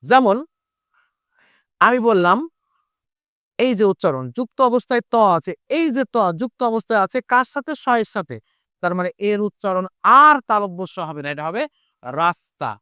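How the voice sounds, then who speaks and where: A man's voice: sits high, expressive, normal speed, pauses often, sharp tone, clear, resonant tone, no room sound, clean studio sound. A Bengali teacher with a Chapainawabganj accent gives an online lesson. He repeats key points and asks and answers his own questions. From Chapainawabganj, Bangladesh.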